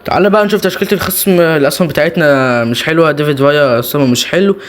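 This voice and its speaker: A young man with an Egyptian accent, hosting a gaming channel and giving excited live commentary as he plays, cheering his players on. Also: on the high side, rapid-fire. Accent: Egyptian Arabic.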